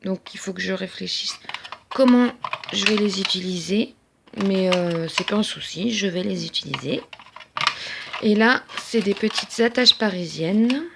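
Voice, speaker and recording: A woman talks casually through her craft haul at home, pausing with plenty of fillers. Her voice has a gravelly fry at a middle pitch. A faint hiss of noise sits under the recording. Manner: chatty, hesitant with many fillers. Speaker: crafting vlogger. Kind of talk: casual haul show-and-tell.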